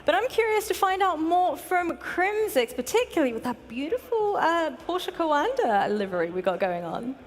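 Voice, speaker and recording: Woman, high voice, upbeat live esports host. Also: big pitch swings, normal speed, hardly any pauses. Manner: upbeat, teasing, encouraging. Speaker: broadcast host. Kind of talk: live esports broadcast hosting.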